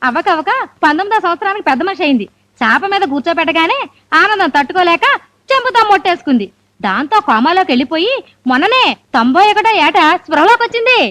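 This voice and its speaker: An actress playing the bride's chatty relative in a comic film scene, rattling off explanations. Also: female voice, very high-pitched, big pitch swings, fast talker, fairly bright tone, dry recording, full character voice. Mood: explaining.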